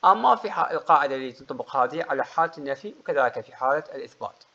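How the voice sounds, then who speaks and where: A man's voice: a little high, animated, very fast, gravelly, sharp tone, lo-fi sound. Man teaching English online. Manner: explains grammar rules patiently, calls on students by name. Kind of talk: online class teaching, mixing Arabic and English. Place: online classroom session.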